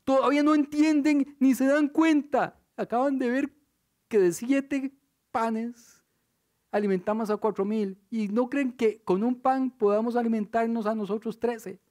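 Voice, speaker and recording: A man with a Costa Rican accent preaching a sermon, telling stories and asking rhetorical questions, moving between loud and hushed delivery. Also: very high-pitched, steady tone, unhurried. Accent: Costa Rican Spanish.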